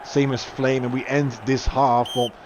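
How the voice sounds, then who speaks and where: A young man provides casual, chatty commentary on a live online match in a medium-pitched, level tone at a moderate pace, though his voice jumps up sharply on goals and saves. He often restarts and uses fillers. A little hiss or hum is audible.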